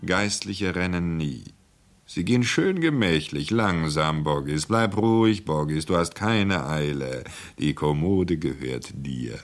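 A man voicing a wily, ingratiating middle-aged antique dealer who poses as a clergyman, in a radio drama reading. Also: low voice. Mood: gleeful. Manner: smooth, falsely modest, haggling.

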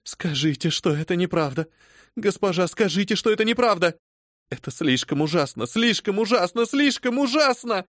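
A man's voice: sits high, animated, normal speed, a bit bright, dry recording, studio quality, voice pushed up. A man voicing a frantic, tearful young female servant who pleads breathlessly in an audiobook reading. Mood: pleading. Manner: breathless, sobbing pleas.

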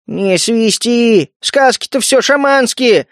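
A boastful scaly toad mutant chatters in a high, bouncing voice full of rough folksy slang, as a man reading an audiobook puts him on. His tone leaps up and down, and the recording is close and dry. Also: sing-song, normal speed, no room sound. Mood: sarcastic.

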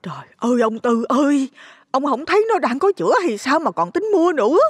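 A man's voice: very high-pitched, sing-song, brisk, husky, no room sound, studio quality, voice pushed up, full character voice. A man voicing a frightened, pleading middle-aged village wife in a ghost story. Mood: alarmed. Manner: pleading, praying, anxious.

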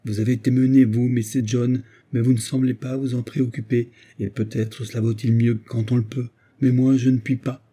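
A man voicing an agitated, tipsy, timid male doctor who pleads in a hushed, fretful way. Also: mid-range voice, level tone, moderate pace, hardly any pauses, pitched above the performer's own voice, close to an everyday voice. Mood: plaintive.

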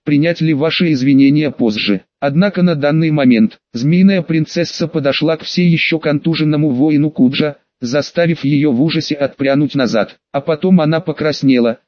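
A man's voice: fairly high pitch, moderate pace, hardly any pauses, darkish tone, no echo. Male audiobook reader, dull lo-fi sound. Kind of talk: audiobook narration. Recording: dull lo-fi close-miked sound.

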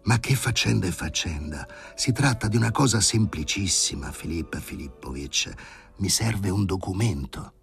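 A man's voice: low voice, animated, moderate pace, gravelly, faint music behind. A man voicing a coarse, cocky man who used to be a stray dog, talking back with brash, sarcastic insolence in an audiobook reading.

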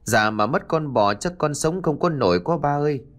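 A man's voice: animated, normal speed, natural voice. A man voicing a tearful young girl. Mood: sad, pleading. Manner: pleading, tearful, raised high voice. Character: grieving stubborn young village girl.

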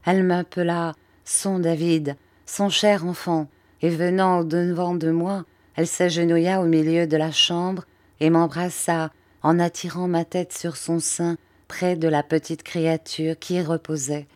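A woman reading a classic novel aloud as an audiobook narrator. Her voice is low and mellow, with a warm, dark timbre. She reads in a calm, measured way. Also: dry recording. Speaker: audiobook reader. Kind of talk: scripted narration.

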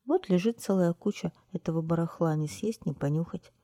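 A woman voicing a timid female widow mouse, squeaky and fretful. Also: fairly quick, mellow, natural voice. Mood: indifferent.

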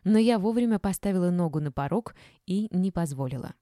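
Woman reading an audiobook, low warm voice, dry close sound. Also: lively intonation, fairly quick, dry recording. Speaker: audiobook narrator. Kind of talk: first-person audiobook narration.

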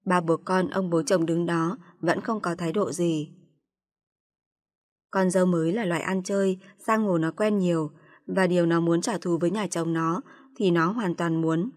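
A woman narrating a family drama story in an even storytelling manner. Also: lowish voice, moderate pace.

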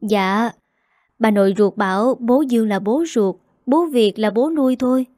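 A woman's voice: fairly high pitch, normal speed, warm tone, dry recording, clean studio sound, lightly acted. A woman voicing little twin children who speak sweetly and plead with their grandmother. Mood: comforting.

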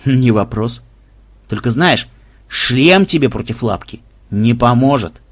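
A man reading an audiobook and voicing a gruff, grumbling man who commands a squad. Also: medium pitch, animated, takes it slowly, pitched below the performer's own voice.

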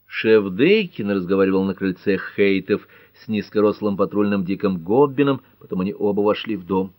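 A male audiobook narrator telling a detective story in a steady, measured way. His voice sits somewhat low. The recording is close and dry. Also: dry recording. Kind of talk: scripted narration.

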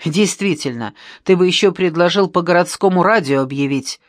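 A scornful schoolboy who snorts and shouts at adults, as an audiobook reader puts him on. The voice rises above the reader's own, recorded close and dry. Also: medium pitch, normal speed, no room sound, natural voice. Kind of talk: audiobook reading.

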